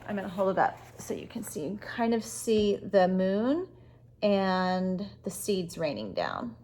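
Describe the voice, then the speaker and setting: A woman reads a storybook aloud as host, speaking at a slow pace in a medium-pitched voice, with slight background noise. Expressive and casual, she explains things as if to young listeners.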